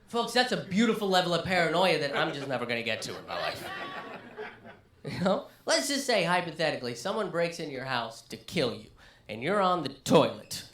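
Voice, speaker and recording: A male comic works a small live room with a ranting, animated delivery. His voice swings widely in pitch as he builds each bit. The sound rings off the venue's walls. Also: brisk, roomy sound, crowd noise. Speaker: stand-up comedian. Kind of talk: live stand-up comedy.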